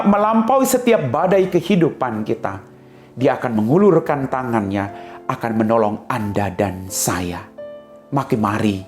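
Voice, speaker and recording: Priest preaching with dramatic swings. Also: male voice, fairly high pitch. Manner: dramatic swings from loud to hushed. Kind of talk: sermon. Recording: echoey room with soft music.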